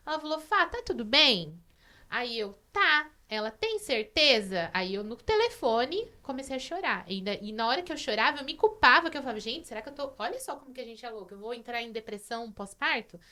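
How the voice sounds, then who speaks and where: A woman's voice: fairly high pitch, animated, fast, few pauses, bright, forceful tone. A woman with a Brazilian accent, a guest on a casual podcast, telling a personal story with feeling and repeating words as she goes. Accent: Brazilian Portuguese.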